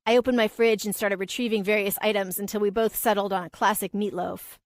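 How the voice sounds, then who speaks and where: A woman narrating a romance audiobook in a calm, even storytelling manner. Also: medium pitch, fast talker, no room sound, studio quality. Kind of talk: scripted narration.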